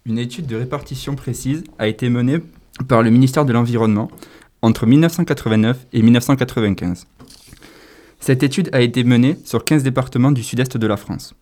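A man's voice: medium pitch, a little fast, a little mellow. A man co-presenting a nature radio programme, reading factual scripted narration in the style of a nature documentary.

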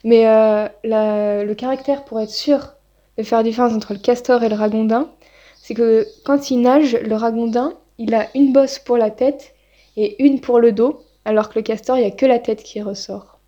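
A woman interviewing informally for a radio programme, speaking hesitantly with frequent pauses. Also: a little high, fairly even intonation, mellow. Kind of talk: informal street-style interview. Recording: dull, lo-fi field recording.

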